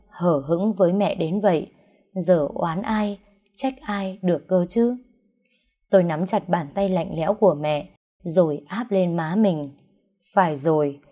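A woman's voice: lowish voice, warm tone. A woman narrating an emotional first-person story, reading dialogue and pleading lines herself.

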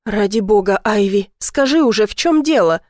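A woman voicing a tender, adoring young boyfriend in a read-aloud story, speaking softly and slowly to reassure. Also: mid-range voice, expressive, no echo, clean studio sound, natural voice. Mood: tense.

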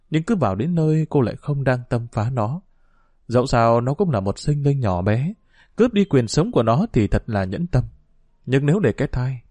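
A man reading a short story aloud as narrator, in an expressive storytelling manner. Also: medium pitch, no room sound.

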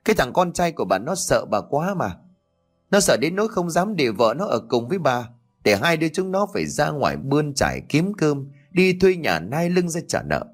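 A man voicing an angry elderly grandfather who scolds his wife in a reproachful, rapid shouting manner. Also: fairly high pitch, very animated, faint music behind, voice pushed up. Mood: angry scolding.

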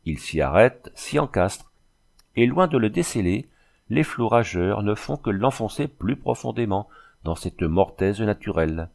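A man narrating a classic novel aloud in a dramatic, measured storytelling manner. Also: fairly low pitch, lively intonation, gravelly, darkish tone. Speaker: audiobook narrator. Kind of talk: expressive literary narration.

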